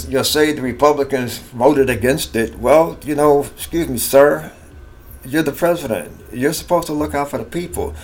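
A middle-aged American man giving a natural, unscripted monologue, rambling casually with folksy slang and repeating himself. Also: medium pitch. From United States. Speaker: vlog host. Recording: clearly noisy background ambience.

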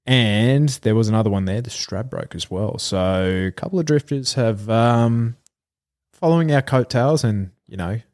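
A man's voice: mid-range voice, normal speed, a little mellow. An Australian man hosting a casual podcast, chatting in a blokey, slangy way. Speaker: podcast host. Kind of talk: casual banter about horse racing betting.

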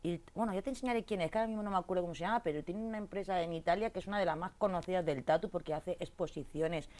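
A woman, an interview guest telling a rowdy story in casual chat, jumping between loud outbursts and low asides. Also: very fast. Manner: coarse slangy banter. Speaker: interview guest, tattoo artist.

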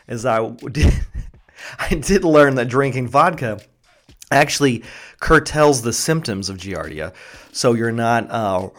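This solo podcast host has a fairly low, somewhat bright voice. Jokey and sarcastic, he drifts between tangents with crude humor, now and then chewing as he speaks.

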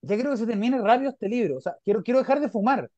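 A man's voice: extremely high pitch, rapid-fire, dry recording. A young adult man with a Chilean Spanish accent, hosting a podcast over a video call, talking casually in long rambling runs full of fillers. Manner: rambling, filler-heavy, animated. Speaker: podcast host. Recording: dull, dry lo-fi audio.

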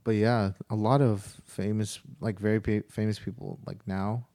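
A man's voice: fairly low pitch, fairly even intonation, normal speed, warm tone, no room sound. A young man chatting casually, laid-back and hesitant, often restarting his sentences. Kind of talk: casual chat.

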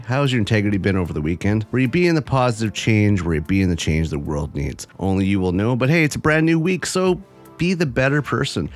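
A man of fifty hosting a solo podcast, talking in an earnest, rambling way and repeating his phrases. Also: on the low side. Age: 50s. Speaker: podcast host.

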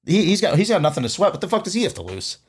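A young man co-hosting a casual sports chat, arguing in an animated, profane way. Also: high voice, racing, slightly rough.

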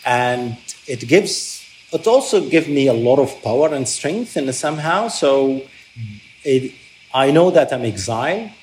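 A man from Palestine talks slowly and thoughtfully as an interview guest. He pauses often and restarts sentences while searching for the right words. His voice sits at an ordinary middle pitch. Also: lively intonation, darkish tone, slight background noise. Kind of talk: reflective interview talk.

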